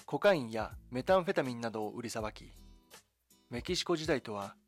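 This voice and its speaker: A mid-range male voice, animated but solemn, delivers scripted documentary narration in a dramatic storytelling style. Short, deliberate phrases carry it along while music plays behind him.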